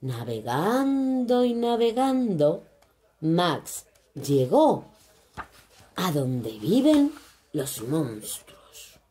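A woman from reading a children's story aloud in an expressive, animated way. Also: on the low side, extremely slow, pauses often.

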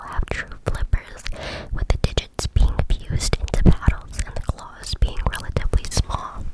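A person from Cambodia whispering ASMR trivia up close through cupped hands, right at the microphone. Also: poor audio. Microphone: very close to the mic, hands cupped.

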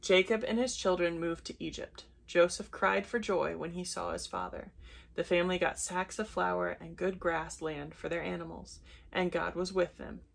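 A woman reading a children's Bible story aloud at bedtime, gentle and unhurried, with brief self-corrections. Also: on the low side, steady tone, vocal fry.

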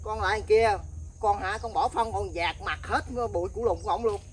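Defiant fast-talking Mekong Delta woman. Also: mid-range voice, a little hiss or hum. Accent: Southern Vietnamese, Mekong Delta. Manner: defiant, argumentative, stammering restarts. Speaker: comedy skit actor playing a stubborn grown child. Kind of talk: comic family skit. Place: outdoors in a fruit orchard.

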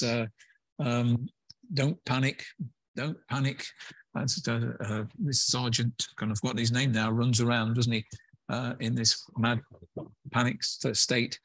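A man's voice: mid-range voice, fairly bright tone, breathy edge, dry recording. A man preaching a conversational sermon in a church, with hesitant fillers and restarts. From England.

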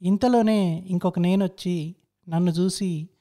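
A man's voice: sits high, steady tone, unhurried, mellow. A man narrating a first-person story in a reflective, introspective way.

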